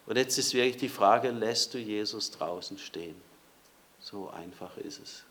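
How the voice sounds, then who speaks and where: A man's voice: lowish voice, unhurried, fairly bright tone, slight background noise. A man preaching a sermon in a conversational way, speaking directly to his listeners.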